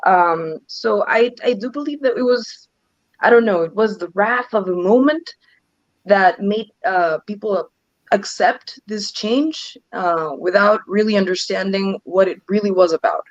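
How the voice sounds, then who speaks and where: A woman's voice: medium pitch, a little slow, no echo, lo-fi sound. A woman from Ecuador, answering interview questions earnestly and restarting her sentences often. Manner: earnest, frequent restarts and "um" fillers. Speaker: interview guest, legislative advisor.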